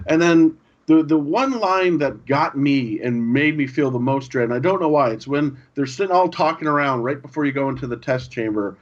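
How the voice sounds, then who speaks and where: A man co-hosting a gaming podcast, chatting casually and telling stories with lively acted-out lines. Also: on the high side, moderate pace, few pauses. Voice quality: animated storyteller, acts out game lines. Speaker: podcast co-host. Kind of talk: casual chat. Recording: dull lo-fi audio.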